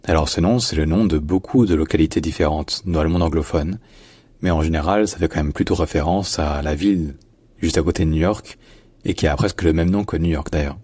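Male teacher, very low and husky, patient explainer who drawls out example words. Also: darkish tone, no room sound. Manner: patient, slows down to model words. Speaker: pronunciation teacher. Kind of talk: explanatory lesson.

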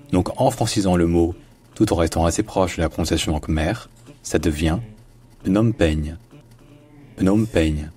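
A man giving a patient pronunciation lesson, slowing down to model each word. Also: low voice, mellow. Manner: patient, slows down to model words. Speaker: pronunciation teacher. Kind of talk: explanatory lesson.

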